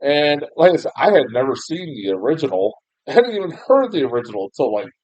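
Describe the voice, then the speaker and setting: A young American man, a native English speaker, rambles through a casual film review in a fairly high, quick voice with big pitch swings and a slightly mellow tone. He is full of fillers and restarts, often laughs at himself, and swears mildly. The lo-fi recording sounds dull and muffled, dry with no room sound.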